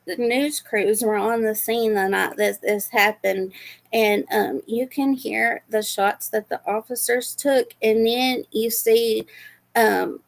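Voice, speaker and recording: A woman's voice: on the high side, fairly even intonation, takes it slowly, gravelly. A woman hosting a livestream, chatting casually and sympathetically with viewers, with many fillers and asides as she reads chat aloud. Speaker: livestream host reacting to news.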